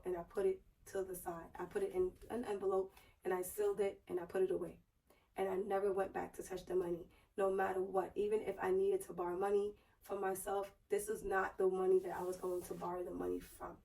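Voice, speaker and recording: A woman with a hoarse, strained voice and sore throat, chatting casually and explaining things to viewers in a personal vlog. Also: medium pitch, little pitch movement, fairly quick, dark tone, far from the mic, low-quality recording. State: hoarse, strained voice just back after losing it, sore throat. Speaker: YouTube vlogger.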